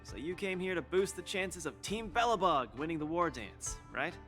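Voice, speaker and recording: A man's voice: a little high, animated, normal speed, a bit bright, soft background music. A man voicing an earnest, spirited, good-natured young fighter in a video game. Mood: hurt, questioning.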